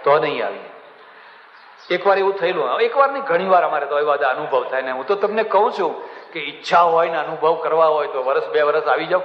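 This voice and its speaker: A man gives a sermon in a fairly high voice. He spins stories and acts out their people, now and then with a chuckle. The sound is muffled, with a long echo ringing through a big hall. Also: expressive, fairly quick. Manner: storytelling, acts out characters in the story, chuckling asides. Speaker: swami giving a religious discourse.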